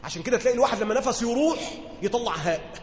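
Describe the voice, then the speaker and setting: A man with an Egyptian accent teaches a religious lesson in a high, light voice. He moves between formal reading and relaxed dialect and often stops to ask his listeners questions. The recording has the long, roomy reverb of a hall with faint ambience behind. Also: racing, slight background noise. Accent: Egyptian Arabic. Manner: conversational, asks listeners questions to check understanding. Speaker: teacher explaining Quran commentary.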